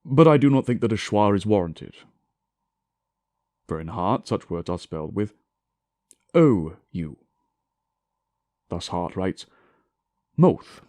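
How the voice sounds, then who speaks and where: Formal guy reading a scholarly lecture, deliberate and declamatory, bits of old shakespearean pronunciation, really dry close sound, swoopy intonation. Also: deep voice, animated, darkish tone, dry recording. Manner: formal, deliberate, declamatory delivery with emphatic enunciation. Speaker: lecturer on historical English pronunciation.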